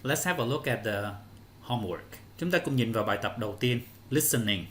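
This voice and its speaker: A man's voice: mid-range voice, expressive, a little fast, a bit bright, a little hiss or hum. A male English teacher, explaining answers step by step to children in an online lesson.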